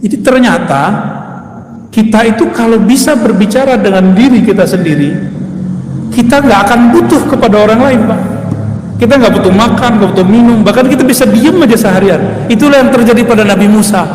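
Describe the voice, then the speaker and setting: A man preaching a sermon in a relaxed, conversational way, often addressing his listeners directly. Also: sits high, fairly quick, background noise. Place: echoing hall. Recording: echoey hall recording.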